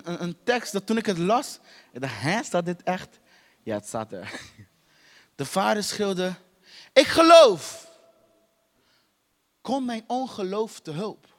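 A man with a very high voice preaches, hammering points home through repetition and direct questions to the congregation. His voice rings out in a large hall with a long, lingering reverb. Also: sing-song, a little slow, pauses often. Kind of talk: sermon.

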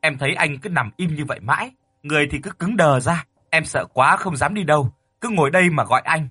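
A man voicing a timid young boy, the scared younger brother, in a narrated ghost story, speaking in a high pleading voice. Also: a little fast, pushed and bright, breathy edge, faint music behind. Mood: relieved, plain.

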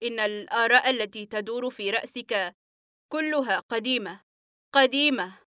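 A woman's voice: a little high, normal speed, smooth, dry recording, clean studio sound. A woman reading the part of an agitated male patient in an audiobook, breathless and trembling as she voices him. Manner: breathless, trembling, flaring into shouts.

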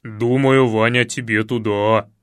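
A man voicing an earnest, pedantic foreign gentleman in an audiobook, speaking deliberately and insistently. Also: on the low side, steady tone, clear, resonant tone, no room sound, clean studio sound, voice pushed down, natural voice. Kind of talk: audiobook character voice.

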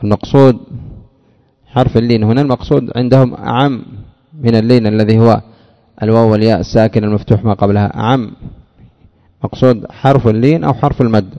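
A man teaching an Arabic grammar lesson, explaining step by step, asking rhetorical questions and drawling out example words slowly. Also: medium pitch, steady tone, dark tone, big-room sound, muffled recording. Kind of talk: classroom lecture on grammar.

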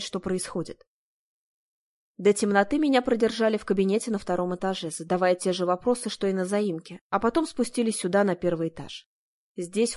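This is a woman narrating a first-person audiobook, her voice pitched in the middle. She tells the story in a measured, expressive way.

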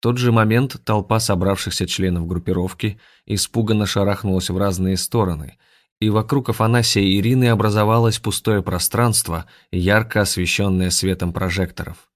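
A man reading a storybook aloud in an even, measured way. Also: on the low side, no echo, clean studio sound. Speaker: audiobook narrator. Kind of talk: scripted storybook narration.

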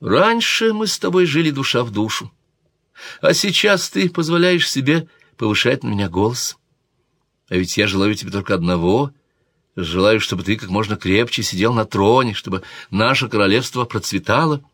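A man's voice: lowish voice, expressive, normal speed, a bit bright, no room sound, clean studio sound. A man voicing a pleading young princess. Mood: persuasive. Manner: pleading, persuasive. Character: young princess, worried, insistent sister. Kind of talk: audiobook reading.

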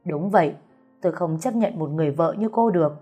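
Woman playing cold young husband, harsh, accusing, mellow tone, audio story. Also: lowish voice, a little fast, husky, dull audio, soft background music.

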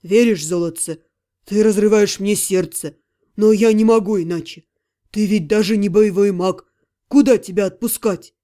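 A woman voicing a good-natured male half-gnome friend who scolds gently and coaxingly, in an audiobook. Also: mid-range voice, normal speed, voice pushed down, lightly acted. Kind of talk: audiobook character voice.

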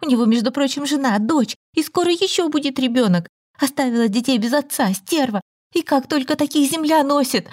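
A woman voicing a jealous middle-aged wife who screams accusations in a shrill, hysterical way. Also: expressive, fairly quick, darkish tone, no room sound, clean studio sound. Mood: screaming.

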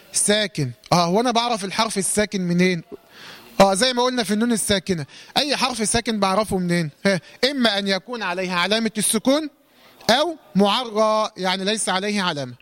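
A man with an Egyptian accent teaching a Quran recitation lesson. He asks questions and answers them himself, and draws out recited words slowly. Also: sits high, fairly bright tone. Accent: Egyptian Arabic. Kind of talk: classroom tajweed lesson.

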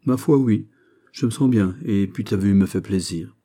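A man's voice: lowish voice, normal speed, mellow. A man voicing a vain, jovial young prince who teases his courtier in a lordly way, in an audiobook of a classic novel. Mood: teasing jovial. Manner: teasing, laughing, lordly.

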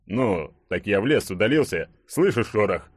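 A man reading an audiobook, voicing a brash burly young man who boasts and jokes loudly. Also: fairly low pitch, expressive, normal speed, dry recording, studio quality. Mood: boastful joking. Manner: loud, swaggering, joking. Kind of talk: audiobook character voice.

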